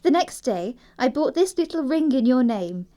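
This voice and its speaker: Playing the same kind of prim young society girl in a classic comedy audio drama, a woman uses a high, mellow voice at normal speed with precise, theatrical phrasing. Very animated, she sounds dreamy and matter-of-fact, entirely sure of herself.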